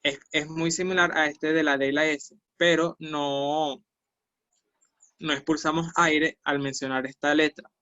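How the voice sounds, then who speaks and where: Slow, patient male language teacher. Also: a little high, little pitch movement, sharp tone, dry recording, lo-fi sound. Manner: patient, repeats syllables slowly for students. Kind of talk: online language lesson.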